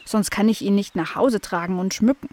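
A woman's voice: mid-range voice, fairly quick, a little mellow, lightly acted. A woman voicing a curious, cheerful young female dog in a children's audio story, talking eagerly.

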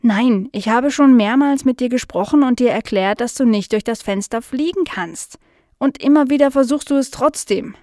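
A woman voicing an eager, easily indignant young female dog in a children's audio story, speaking high and loud. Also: animated, normal speed, no echo, clean studio sound, natural voice. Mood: insistent.

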